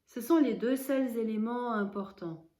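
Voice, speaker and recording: A slightly high-voiced woman acts as a yoga nidra teacher, guiding relaxation with steady, unhurried instructions and frequent pauses.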